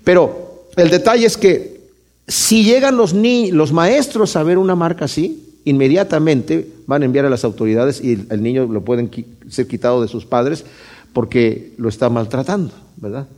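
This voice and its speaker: A man's voice: fairly high pitch, moderate pace, darkish tone. A man, a pastor, preaching a conversational sermon and often checking in with his listeners. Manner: conversational preaching with frequent tag questions.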